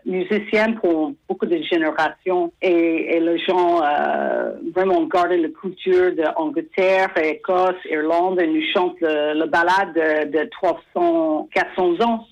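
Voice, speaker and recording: A woman from the United States with an American accent, a musician guest speaking French haltingly in a radio interview. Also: on the low side, fairly even intonation, a little mellow, lo-fi sound. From United States, Texas and Oklahoma. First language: English. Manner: halting, searching for French words.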